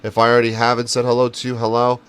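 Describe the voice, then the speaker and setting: A man's voice: mid-range voice, monotone, very fast, fairly bright tone, clean tone, low-quality recording. A man hosting a casual live panel stream, greeting viewers and swearing freely. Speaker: livestream host.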